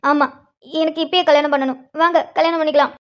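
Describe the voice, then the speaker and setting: A woman's voice: high-pitched, steady tone, fast talker, close to an everyday voice. A woman voicing an anxious, stubborn young woman in a cartoon love story who pleads to be married at once. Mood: pleading. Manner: pleading, insistent. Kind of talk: cartoon voice acting.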